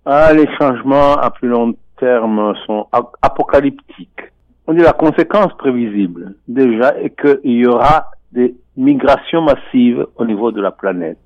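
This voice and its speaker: A man's voice: mid-range voice, no room sound. Man speaking over a phone line. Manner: measured and deliberate, with frequent hesitations. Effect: voice heard over a telephone line. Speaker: finance and economics columnist. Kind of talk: radio phone-in commentary. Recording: muffled phone line, dry.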